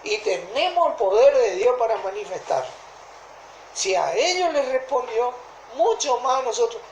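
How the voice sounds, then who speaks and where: A woman with a Rioplatense Argentine accent preaching a sermon in a deliberate way, often stopping to ask whether listeners follow. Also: a little high, sing-song, a little mellow, slight background noise. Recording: echoey room.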